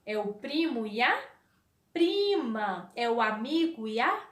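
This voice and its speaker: A Brazilian Portuguese woman gives a literacy lesson to young children. Her voice sits high and swoops widely as she draws out each word slowly. She asks questions and answers them herself, and the room has a noticeable echo. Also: animated, fairly bright tone. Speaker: primary school teacher.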